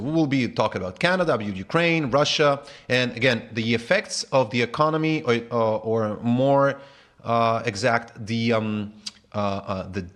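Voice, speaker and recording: A man's voice: on the low side, a bit bright. Israeli-accented man, long rambling explanations. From former Soviet Union. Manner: long explanatory turns, searches for words. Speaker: co-host. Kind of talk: casual chat show.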